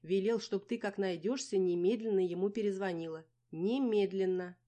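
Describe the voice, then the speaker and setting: A woman's voice: mid-range voice, expressive, normal speed, warm tone, pitched above the performer's own voice, natural voice. A woman reading an audiobook voices a chatty, fussing middle-aged mother who exclaims, laments and teases.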